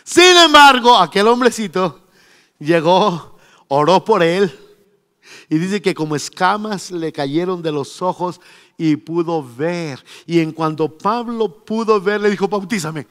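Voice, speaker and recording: High, bright-voiced preacher. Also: male voice, animated, slow pace, clean tone. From Mexico. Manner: storytelling, emphatic, acting out quotes. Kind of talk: sermon. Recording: long reverb of a church hall.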